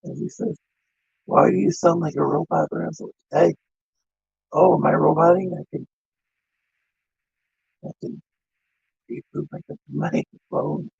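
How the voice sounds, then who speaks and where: A man's voice: on the high side, steady tone, creaky, a little mellow, breathy edge, no room sound. Man with a glitchy metallic phone voice. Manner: halting, hesitant, trailing off. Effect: glitchy robotic metallic sound on his voice. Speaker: call-in guest on a voice chat show. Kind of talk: casual online chat. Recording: dull lo-fi phone call audio.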